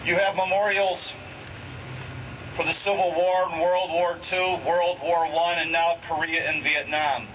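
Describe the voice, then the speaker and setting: A man in his forties giving a formal podium speech at a dedication, solemn and emphatic, with deliberate phrasing and repetition. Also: on the high side, flat delivery, fairly bright tone, highs cut off. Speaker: guest speaker, military veteran. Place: podium at a public ceremony, through a distant microphone. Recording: distant mic, long echo, clear background noise.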